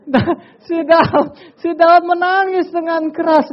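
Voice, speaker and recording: A man preaches to his congregation, mixing stories and banter. His delivery swings from hushed asides to loud, emphatic bursts. The recording is a little dull and lo-fi. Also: very high-pitched, fairly even intonation, unhurried. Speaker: pastor. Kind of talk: lively sermon with stories and audience banter. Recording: slightly dull lo-fi church recording.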